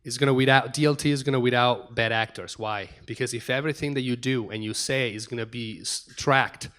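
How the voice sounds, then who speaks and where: At a conference, a middle-aged man addresses the audience in a room, his pitch at an ordinary middle level for a man and his tone fairly bright. He speaks a little fast, racing through his points and often restarting or repeating words.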